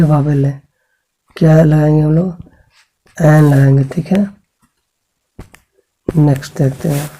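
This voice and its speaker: A man's voice: a little high, mellow, breathy edge, low-quality recording. A man teaching an English grammar lesson to school students. He patiently spells out sounds, keeps checking in with the class, and asks questions that he then answers himself.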